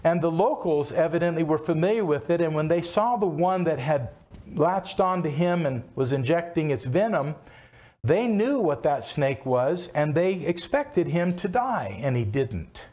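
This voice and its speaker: A man's voice: fairly high pitch, animated, measured pace, a little mellow. A man in his sixties preaching at a church pulpit, retelling a story in a conversational way, with frequent restarts. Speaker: pastor. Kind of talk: sermon. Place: church platform behind a wooden pulpit, indoors. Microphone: pulpit-mounted microphone.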